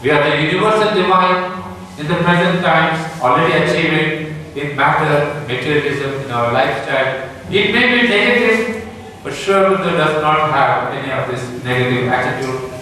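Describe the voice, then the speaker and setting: A man's voice: a little high, normal speed, bright, forceful tone, recorded from a distance, slight background noise. Man lecturing in an echoey hall. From India. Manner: earnest, emphatic, rising and falling lecture delivery. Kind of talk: spiritual public talk.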